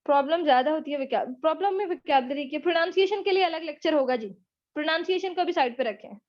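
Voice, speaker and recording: A high-pitched woman with a Pakistani accent leads a live online English lesson and takes questions. She teases and encourages her students in a chatty way, slipping English phrases into her Urdu. The audio is dull and lo-fi, like a web session. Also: fast talker. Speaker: spoken English teacher. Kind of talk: live online class lecture with Q&A.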